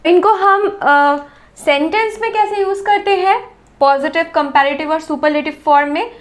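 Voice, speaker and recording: A woman with an Indian accent teaching English grammar, explaining slowly and repeating sounds and words to demonstrate them. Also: very high voice. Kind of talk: classroom-style lesson explanation.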